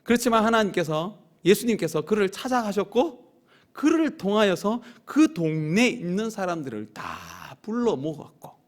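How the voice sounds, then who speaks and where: A man preaches in a church sanctuary with a high voice. He swells into loud, emphatic peaks and then drops to low, quiet asides, leading his congregation in call-and-response lines. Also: big pitch swings, normal speed. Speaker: pastor. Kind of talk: sermon.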